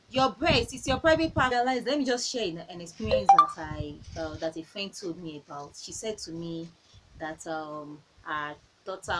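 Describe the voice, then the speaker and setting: A woman's voice: a little high, noisy background. A woman in her thirties giving earnest parenting advice in a casual talk. She repeats phrases and tells stories from her own home.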